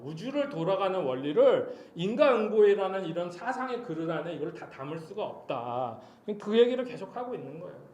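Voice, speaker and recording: A man giving a guest sermon as a missionary, telling the story in a lively way and acting out the voices in it. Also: sits high, reverberant. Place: church.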